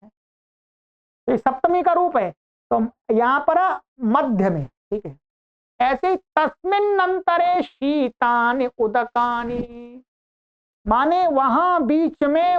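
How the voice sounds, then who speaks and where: Slow, high-voiced woman teaching grammar. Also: smooth. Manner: slow, explanatory, repeats points with "ठीक है". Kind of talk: online grammar lecture. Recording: dull lo-fi audio.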